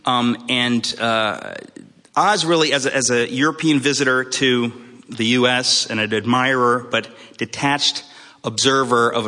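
A man introducing the evening's guest speaker in a friendly way, pausing often with fillers. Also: mid-range voice, sharp tone. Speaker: event host introducing the speaker. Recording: long hall reverb.

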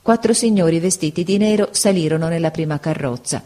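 Brief: female audiobook narrator, lowish voice, vivid expressive scripted reading. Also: fairly quick.

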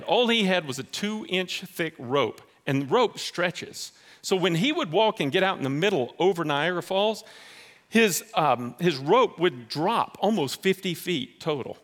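A man preaching a sermon in a church in a conversational, animated way, acting out dialogue. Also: high voice, normal speed. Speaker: pastor.

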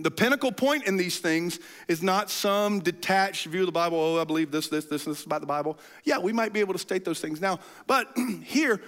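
A male pastor preaching a sermon in an animated storytelling way, often clearing his throat. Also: high-pitched.

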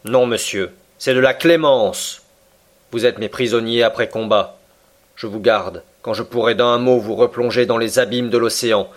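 A man voicing a cold, stern middle-aged submarine captain who speaks in a measured, unyielding way, in an audiobook reading. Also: mid-range voice, steady tone, lightly acted.

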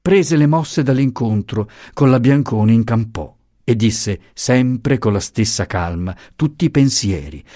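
A man narrating a literary novel in a slow, measured, expressive reading, recorded close. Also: mid-range voice, no room sound. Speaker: audiobook narrator.

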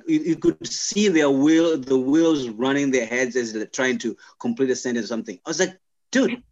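Man from Zimbabwe, interview guest, mid pitch, halting with restarts, slightly muffled audio. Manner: thoughtful, halting, many restarts and fillers. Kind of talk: conversational interview.

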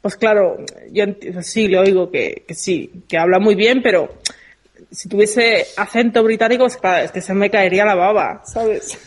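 A woman's voice: mid-range voice, normal speed, poor audio. A woman in casual conversation as a co-host, laughing often and mocking herself, with frequent false starts. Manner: laughing, self-mocking, stumbling restarts. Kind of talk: casual chat.

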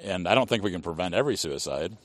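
A man's voice: low voice, lively intonation, fast talker, a bit bright. A man hosting a casual conversation, pressing his case with rhetorical questions.

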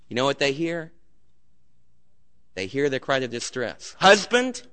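A man's voice: on the high side, a bit bright. A man preaching a sermon as pastor, emphatic and dramatic, acting out quotes.

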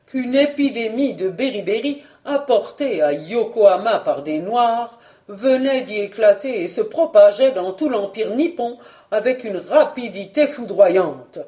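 A woman reading a storybook voices a timid, evasive baron, lowering her voice and speaking hesitantly. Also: animated, a little slow, warm tone, echoey room, lightly acted. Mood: placating. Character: timid, evasive middle-aged baron collector.

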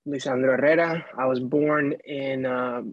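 A man from Venezuela speaks in a very flat, even voice, halting and repeating words. His video call audio is dry and close. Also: mid-range voice, no echo, dull audio. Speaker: musician guest. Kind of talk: casual interview over video call.

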